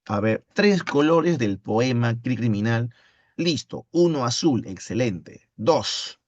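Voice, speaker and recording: A man's voice: mid-range voice, expressive, no room sound. A male teacher reading a poem aloud, then quizzing his online class in a playful, teasing way. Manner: reads poem slowly, then playful questioning. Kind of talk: online literature class with chat. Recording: dull lo-fi audio.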